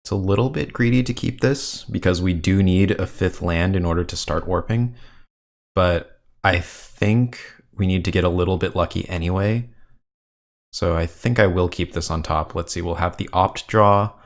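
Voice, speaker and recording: Here a man with a low-sitting voice narrates his own card game at moderate speed, thinking aloud as he weighs each move. His commentary is thoughtful, with musing and counting under his breath.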